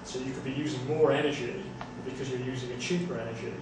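A man's voice: medium pitch, steady tone, fast talker. A man giving a seminar, answering a question in a conversational way and restarting phrases as he thinks, in a small seminar room. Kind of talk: academic Q&A answer. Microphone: far room camera mic. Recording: echoey room from far off, background hiss.

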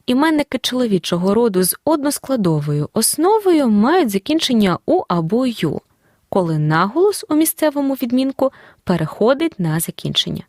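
A woman teacher giving a scripted audio grammar lesson, explaining rules clearly and deliberately. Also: a little high, very animated, darkish tone, no room sound, clean studio sound. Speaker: Ukrainian language teacher.

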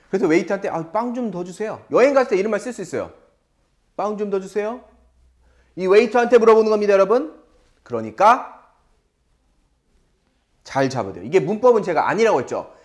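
A man with a Korean accent teaching an English lesson, drilling phrases slowly and explaining with animated delivery. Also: sits high.

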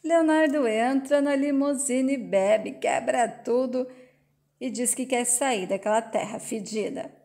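A woman's voice: a little high, slow pace, warm tone. A woman retelling a soap opera scene in plain present-tense play-by-play. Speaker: narrator.

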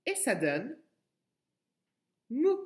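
Woman, kindergarten teacher, slow sing-song delivery, echoey room. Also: on the high side, huge pitch swings. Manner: slow, drawn-out syllables for children. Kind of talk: recorded lesson for young children.

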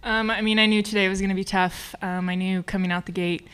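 A young woman, a college softball pitcher, answering questions at a press conference in a plain, steady way. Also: quick pace, clear, resonant tone. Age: young adult. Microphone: table mic.

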